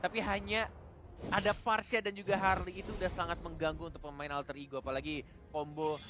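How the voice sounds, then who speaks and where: A man's voice: fairly high pitch, little pitch movement, fairly quick, music in the background. A man with an Indonesian accent giving live commentary on a video game match. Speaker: esports commentator.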